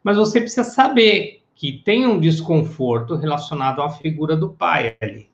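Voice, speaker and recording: A man's voice: fairly high pitch, lively intonation, normal speed. Man lecturing in an echoey room. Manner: explanatory, greets viewers by name, tag questions. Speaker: psychoanalysis teacher. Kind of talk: live-streamed lecture. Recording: echoey, dull lo-fi room sound.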